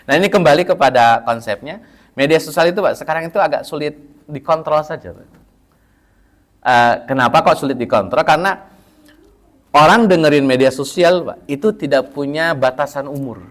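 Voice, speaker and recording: A fairly high-pitched man preaching in a casual, conversational way. He speaks with an easy lilt, often turns straight to his listeners as he talks, and jumps his voice up for emphasis. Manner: conversational, repeatedly addressing listeners as "Pak"; animated, with sudden pitch lifts for emphasis. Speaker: Islamic preacher. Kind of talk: sermon.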